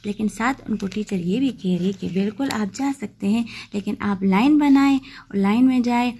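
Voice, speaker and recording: A woman teaching a textbook lesson, reading English lines slowly and then explaining them patiently. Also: mid-range voice, mellow, slightly rough. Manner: patient, checks in with "okay" often.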